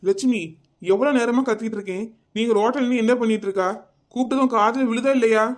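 A man's voice: extremely high pitch, fast. A man voicing a scolding, complaining middle-aged village husband in a cartoon comedy, with a Kanyakumari Tamil accent.

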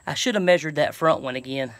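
A middle-aged Southern American man with a rather high, slightly bright voice talks fast and folksy, thinking aloud through a DIY job for his truck camping vlog. He's outdoors and in a truck bed by an open garage, filmed on a handheld phone at arm's length with no room sound.

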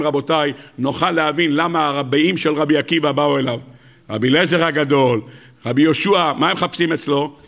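A man preaching a sermon as a rabbi, animated and emphatic, acting out voices in his stories. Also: vocal fry. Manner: animated preaching, rising to high emphatic peaks and acting out dialogue.

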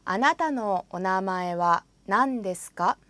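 Speaking example phrases for a language course, a woman in a studio enunciates each one carefully and deliberately before repeating it. She has an expressive, medium-pitched voice with a fairly bright tone, and there's no room sound.

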